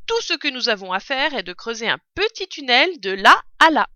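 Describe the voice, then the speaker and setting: A woman voicing a confident father fox who gives his children brisk orders. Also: fairly high pitch, very animated, pushed and bright, no echo, lo-fi sound. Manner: brisk, commanding.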